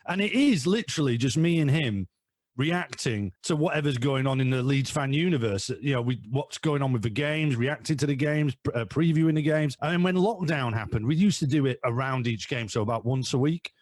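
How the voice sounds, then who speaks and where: A man's voice: a little high, darkish tone, dry recording, clean studio sound. A middle-aged man from northern England chatting enthusiastically as a podcast guest, rambling with restarts. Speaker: podcast guest, father and co-host of a fan podcast. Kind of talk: casual chat.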